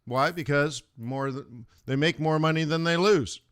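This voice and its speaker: This middle-aged trading livestreamer has a slightly high, clean, fairly bright voice at a normal speed. His talk is loose and casual, full of rambling tangents and frequent laughter.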